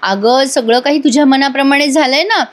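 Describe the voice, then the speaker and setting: A woman voicing a friendly senior male doctor who speaks calmly and soothingly. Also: high-pitched, normal speed, lightly acted. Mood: reassuring. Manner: calm, soothing.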